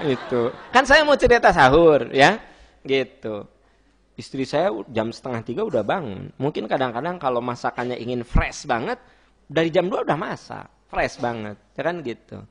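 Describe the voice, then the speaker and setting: A middle-aged man preaching with a Sundanese accent, teasing his listeners and acting out little family scenes, then dropping to a soft gentle tone for advice. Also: medium pitch. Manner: playful, teasing, acts out wife and husband in quoted voices. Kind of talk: lively sermon to a congregation.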